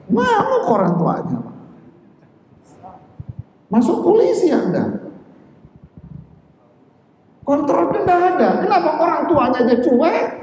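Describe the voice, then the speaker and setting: A high-voiced man from East Java delivers an emphatic, animated sermon. His pitch leaps around as he drives his points home. The recording carries the long, roomy reverb of a mosque hall. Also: takes it slowly, long pauses, a little hiss or hum. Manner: emphatic, animated preaching with acted-out quotes. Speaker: preacher.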